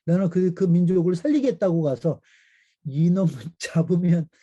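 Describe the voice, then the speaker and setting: A middle-aged man, a missionary pastor, telling a personal story in a sermon with pauses and fillers. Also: high voice, dark tone, dull audio. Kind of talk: sermon testimony.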